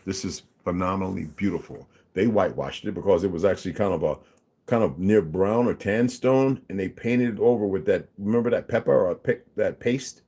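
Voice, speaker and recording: This channel host has a low, somewhat mellow voice with a breathy edge. In a relaxed monologue about his views, he makes emphatic, mocking interjections, recites figures, and asks people to follow along.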